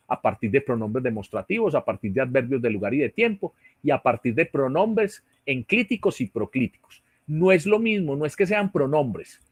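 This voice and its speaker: Speaking through a computer mic on a video call, a Colombian-accented male teacher explains material to his online class, often checking in with "¿sí?" and "¿cierto?". He has a mid-range voice, and the sound is studio quality without echo.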